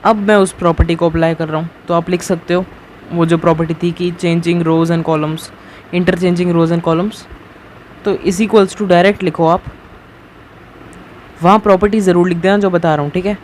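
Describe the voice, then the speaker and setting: A young man with a high-pitched, level voice teaches a screen-recorded math lesson at a moderate pace. His style is casual and chatty, and he often checks in with his students, frequently saying "theek hai." Faint background noise can be heard.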